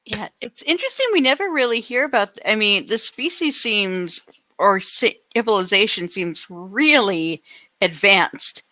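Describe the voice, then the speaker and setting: A woman with a bright, crisp tone chats casually on a podcast. She thinks out loud and fills the pauses with "you know" and "I mean". The recording is dry and close. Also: mid-range voice, lively intonation, no echo. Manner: chatty, thinks aloud with fillers. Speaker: podcast co-host. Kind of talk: casual chat.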